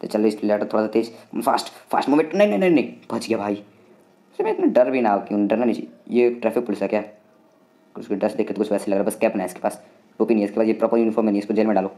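Indian man, gaming host, rapid excited play-by-play, dark low voice. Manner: excitable, chatty, talks to the game and viewers. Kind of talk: casual game commentary.

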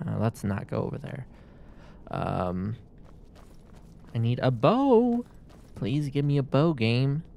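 A man's voice: mid-range voice, very animated, takes it slowly, gravelly, pauses often, warm tone. A man giving casual commentary while streaming a game, sarcastic and swearing at the game's characters.

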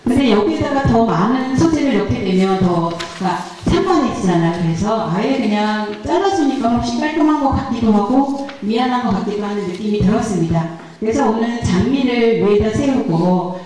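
Her fairly high voice is brisk with lively intonation as this middle-aged flower arranging instructor casually presents her arrangement at a church seminar, chatting and poking fun at herself. The handheld mic plays through speakers in the big indoor church hall, and the echoey recording carries background noise and places her voice at a distance.

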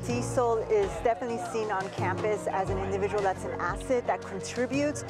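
A woman speaking about a colleague in a sincere, deliberate interview clip. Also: mid-range voice. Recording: music bed underneath.

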